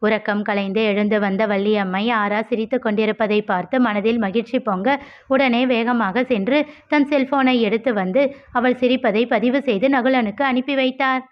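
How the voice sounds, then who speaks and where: A woman narrating a family story aloud, switching into lively voices for the characters. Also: fairly high pitch, normal speed. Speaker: audiobook narrator. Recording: dull lo-fi recording.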